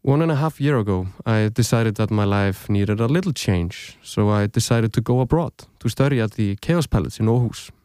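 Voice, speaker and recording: A young Icelandic man, a native speaker, hosts a scripted podcast, narrating in a measured, reflective storytelling style. His voice is on the low side, animated and darkish but clean. The studio-quality recording has no echo.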